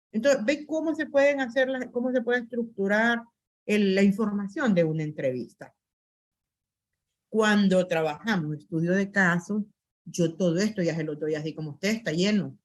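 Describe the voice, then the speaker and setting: A woman lecturing an online university class, going through items one by one in a methodical way with frequent hesitation fillers, on a computer mic over a video call. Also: mid-range voice.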